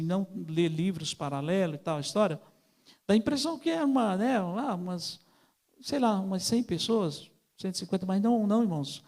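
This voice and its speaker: A man with a high voice and a Brazilian Portuguese accent preaches an informal sermon. He speaks conversationally, with plenty of fillers and pauses, and keeps calling his listeners brothers. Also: a little mellow.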